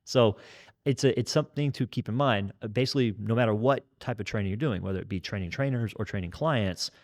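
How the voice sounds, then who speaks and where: On a casual podcast, a fortyish fitness educator who teaches kettlebells talks fast in a lowish, nasal voice. He's chatty and joking, walking through everything in more detail than needed.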